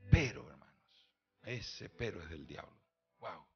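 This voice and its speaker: A man's voice: lively intonation, a little slow, vocal fry, bright, forceful tone, breathy edge, lo-fi sound. A man preaching a sermon as pastor, telling a story and quoting the people in it. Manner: storytelling preacher quoting conversations, emphatic pitch swings.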